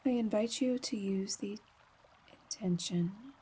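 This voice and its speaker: Guiding a slow meditation as a yoga nidra teacher, a woman speaks in a mid-range voice that's soft, breathy, and often barely above a whisper. Long pauses punctuate her calm, soothing delivery.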